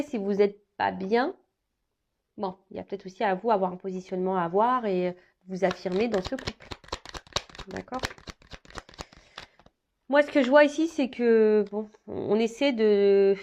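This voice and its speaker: A woman's voice: mid-range voice, a little mellow, slight background noise. A woman doing a casual tarot reading for her viewers, talking hesitantly with many fillers and restarts. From France. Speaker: tarot reader.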